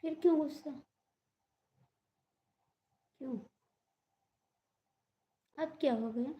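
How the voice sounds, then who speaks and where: A woman's voice: sits high, measured pace, dark tone. A young woman hosting a live stream, chatting casually and answering viewer comments.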